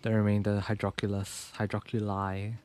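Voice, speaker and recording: This young game streamer and virtual YouTuber speaks in a lowish, darkish voice with a completely flat delivery at normal speed. He keeps up laid-back, chatty live commentary, musing aloud over the game's music.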